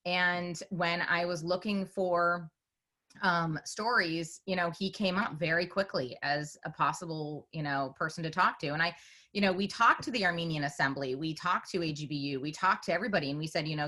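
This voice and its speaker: This is a chatty, rambling panel answer from a documentary filmmaker in her forties from Northern California, speaking over a video call and sprinkling in plenty of "you know"s as she tells her story. Her pitch is fairly low, her pace moderate, and her tone pushed and bright.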